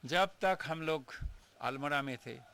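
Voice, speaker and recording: A man's voice: a little high, measured pace, gravelly, bright, forceful tone. A man, a monk being interviewed, telling his memories earnestly and with feeling, slipping in English phrases. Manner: earnest, emotional storytelling mixing in English phrases. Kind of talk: reminiscing interview.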